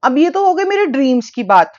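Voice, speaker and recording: A young woman with a high, bright-sounding voice tells a personal story in a loose, animated way. She slips between Hindi and English, full of fillers and restarts. The audio is a bit dull and lo-fi. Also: a little fast. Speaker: vlogger. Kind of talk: casual storytime.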